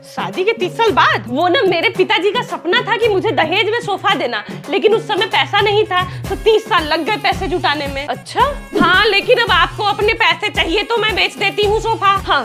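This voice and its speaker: A woman's voice: very high-pitched, lively intonation, moderate pace, over music. A woman acting out comic neighbour sketches, switching between bickering characters and often laughing. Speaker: sketch comedian playing several characters. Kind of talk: comedy sketch role-play.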